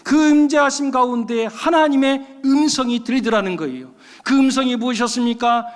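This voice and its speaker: A man preaches from the pulpit with a notably high-pitched voice, telling a story with animation and turning often to address his listeners. His words ring out with a long reverb in a church sanctuary. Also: fairly quick. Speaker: pastor. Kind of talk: sermon.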